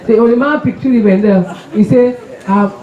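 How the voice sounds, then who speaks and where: A woman's voice: fairly high pitch, fairly quick, dull audio. A Barbadian woman emceeing a crowd quiz, playful and teasing, laughing often. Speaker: event emcee. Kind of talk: lively crowd quiz hosting. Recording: echoey hall, from far off, crowd noise.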